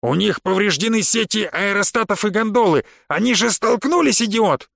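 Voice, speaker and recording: A man's voice: sits high, lively intonation, normal speed, vocal fry, dry recording, clean studio sound, voice pushed up, heavily acted. A man voicing a furious, hot-tempered male rival who roars his accusations in a storybook reading. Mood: angry. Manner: roaring and yelling.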